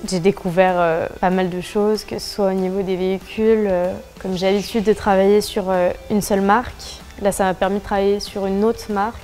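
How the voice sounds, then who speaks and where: A woman's voice: medium pitch, level tone, brisk, dark tone, soft background music. A young woman, an apprentice at a truck maker, speaking hesitantly with fillers.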